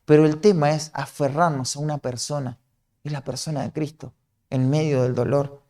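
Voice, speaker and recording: Earnest Argentine preacher, fairly high voice. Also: male voice, steady tone, moderate pace, dark tone. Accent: Rioplatense Spanish. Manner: earnest, explanatory, often ends points with a questioning "¿no?". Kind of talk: sermon.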